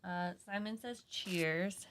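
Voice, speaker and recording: A woman's voice: mid-range voice, slow, fairly bright tone, a little hiss or hum. A woman co-hosting a live stream, casually reading chat comments aloud and teasing her co-host.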